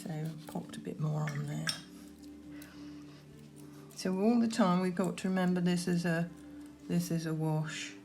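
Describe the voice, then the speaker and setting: Woman, gentle painting instructor, lowish creaky voice, unscripted demonstration, trailing pauses. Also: steady tone, music in the background. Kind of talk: unscripted painting demonstration, talking while working.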